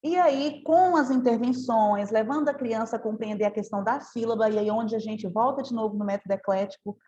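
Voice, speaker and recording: A woman's voice: fairly high pitch, a little fast, dark tone, dull audio. A woman giving a teacher training talk, explaining step by step and often adding tag questions.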